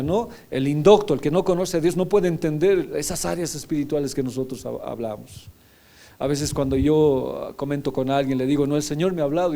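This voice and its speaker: Man, middle-aged pastor, gravelly and dark-toned, emphatic sermon questions. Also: medium pitch. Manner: preaching with rising emphatic questions.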